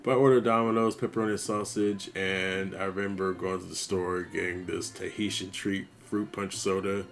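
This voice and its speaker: A man with a low, gravelly voice tells a story in a relaxed, chatty vlog. He talks like he's catching up with friends. Faint music plays behind him. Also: normal speed, hardly any pauses. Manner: laid-back, conversational storytelling. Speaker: gaming vlogger. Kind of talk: storytelling monologue.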